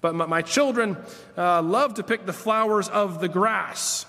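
A man's voice: sits high, unhurried, bright, forceful tone. A man in his late thirties preaching a sermon as pastor, earnest, reading scripture aloud and lifting his voice on key phrases. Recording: long hall reverb.

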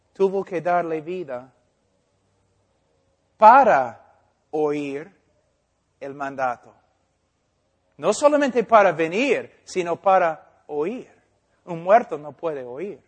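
Male pastor preaching, slow emphatic delivery, reverberant church hall. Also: high-pitched. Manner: preaching with slow deliberate emphasis, acting out quotes. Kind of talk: sermon. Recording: long reverb of a large hall.

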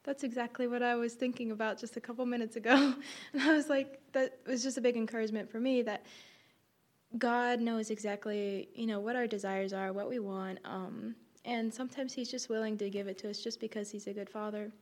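A young woman, a college student from Nepal and North Carolina, gives a sincere testimony with pauses and fillers. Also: a little high, fairly even intonation. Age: young adult. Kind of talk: spoken testimony.

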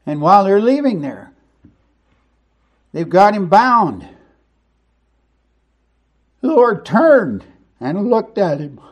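Male pastor, sermon, high voice, emphatic, conversational. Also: big pitch swings, slow pace, long pauses. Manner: emphatic and conversational, with sudden loud stresses.

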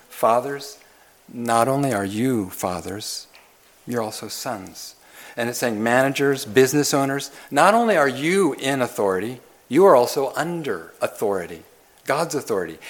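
A male pastor preaching an expository sermon, repeating phrases and asking rhetorical questions, swinging from soft low asides to loud emphatic lines.

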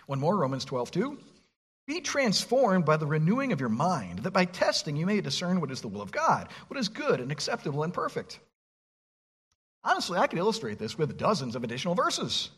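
Husky, animated man preaching. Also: on the high side, a little fast. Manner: animated preaching, reads scripture aloud, rhetorical questions. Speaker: pastor. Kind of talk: sermon.

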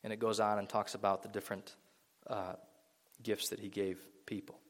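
A man's voice: fairly low pitch, little pitch movement, normal speed. A man preaching a sermon to a congregation in a church, earnest and swelling to emphatic peaks. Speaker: pastor. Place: church sanctuary before a congregation. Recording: long reverb of a large hall.

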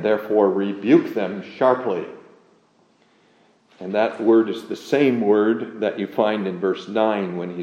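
A man preaching an expository sermon, earnest and measured, reading scripture aloud and leaning hard on key words. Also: on the low side. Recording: dull, echoey room sound.

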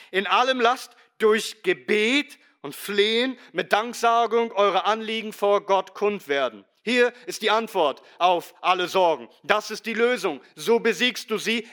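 Emphatic high-voiced man preaching. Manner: emphatic preaching, swinging between loud stresses and quiet low asides. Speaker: pastor. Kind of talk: sermon.

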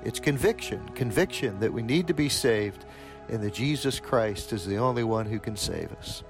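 A male associate pastor preaching a sermon at a pulpit microphone in a church sanctuary, unhurried and halting with many fillers, joking gently now and then. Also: fairly low pitch, animated, music in the background. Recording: long hall reverb.

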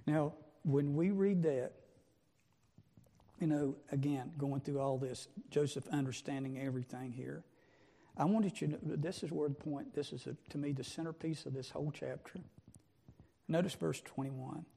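Gravelly preacher in a reverberant church. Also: male voice, fairly high pitch, normal speed, dark tone. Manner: emphatic, asks many rhetorical questions. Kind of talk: sermon. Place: church sanctuary.

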